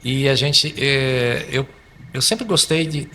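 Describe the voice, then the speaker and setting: Brazilian male psychologist guest, bright forceful voice, animated and repetitive delivery. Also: medium pitch, slow. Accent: Brazilian Portuguese. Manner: animated, repeats and restarts words. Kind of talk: conversational explanation. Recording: faint background noise.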